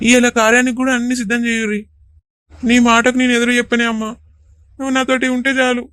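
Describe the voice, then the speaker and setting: A woman's voice: a little high, level tone, fast, fairly bright tone, clean tone, no room sound, clean studio sound, lightly acted. A woman voicing a devoted young village son in a cartoon, pleading with his mother. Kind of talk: Telugu cartoon dubbing.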